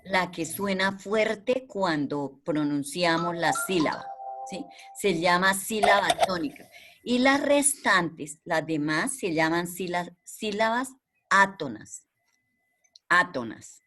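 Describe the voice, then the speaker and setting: A woman teaching a primary school class online, her voice coming through a video call. She is patient and steady, and she keeps repeating the key words to drill them into her pupils. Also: on the low side, slow pace, music in the background.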